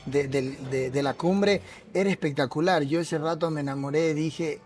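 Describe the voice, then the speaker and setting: A man with a coastal Ecuadorian accent, a mountaineer and police officer, telling his story in an earnest, halting way during a café interview. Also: fairly high pitch, a little mellow, faint music behind. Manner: earnest, repeats words while searching for them. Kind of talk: casual interview.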